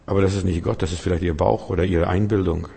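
A man's voice: low voice, fairly even intonation, quick pace, creaky, mellow, husky. A man preaching a sermon in an emphatic, searching way. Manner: emphatic, acts out quoted voices. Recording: long hall reverb.

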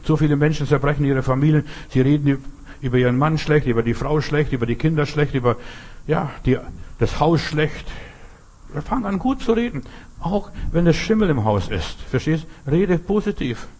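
A man's voice: fairly high pitch, a little mellow, slightly rough. A man preaching a sermon, speaking earnestly to his listeners, addressing each one directly and repeating key phrases for emphasis.

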